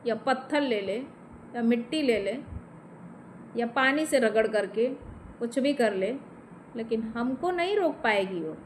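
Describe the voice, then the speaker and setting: A woman's voice: high voice, fairly bright tone, a little hiss or hum. A woman vlogger with a Bhojpuri accent speaks straight to the camera, heated and confrontational, addressing an absent man and pressing her points with repeated tag questions. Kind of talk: direct-to-camera vent.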